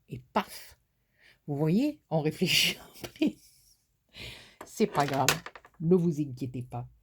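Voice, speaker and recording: A woman from the south of France talks slowly through a casual craft tutorial in a husky voice. She keeps up a running chatter with herself and laughs off her own slips as she works. Her tone is mellow and relaxed, with a southern French accent. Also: deep voice. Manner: chatty, talks to herself and teases herself while working.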